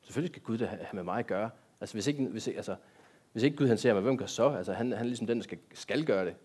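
Husky man preaching. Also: lowish voice, a little mellow. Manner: conversational preaching with rhetorical questions to the congregation. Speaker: pastor. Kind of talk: sermon.

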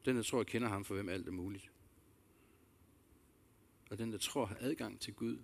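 This pastor's voice is on the low side and creaky as he preaches a sermon. He's earnest and reflective, repeating key phrases and speaking directly to listeners through questions.

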